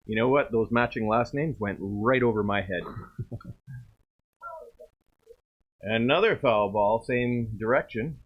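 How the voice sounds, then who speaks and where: A man with a Canadian accent doing play-by-play baseball commentary, chatty and quick to laugh at himself. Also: lowish voice. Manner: chatty, self-deprecating, laughs easily. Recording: dull lo-fi stream audio.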